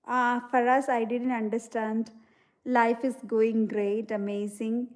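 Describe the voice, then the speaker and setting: A woman hosts a casual livestream, talking earnestly about her beliefs. Her voice sits a little high but sounds mellow and warm. She leans on "you know" as she reflects and answers viewer comments. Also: level tone, slow pace. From India. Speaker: livestream host.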